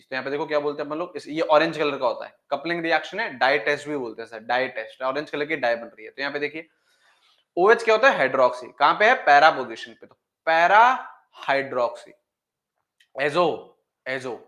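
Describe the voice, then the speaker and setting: A man's voice: a little high, a little fast, sharp tone. A male chemistry teacher in a classroom, repeating points and asking his students questions he answers himself, calling them "beta" fondly. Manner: repetitive, calls students "beta", asks and answers own questions. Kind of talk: classroom lecture and farewell chat.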